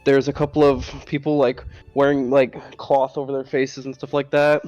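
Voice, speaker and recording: A man's voice: medium pitch, little pitch movement, moderate pace, a little mellow, no room sound, highs cut off, faint music behind. A man narrating a tabletop fantasy game as game master in a casual, loosely improvised way. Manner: casual, frequent "kind of" and "like".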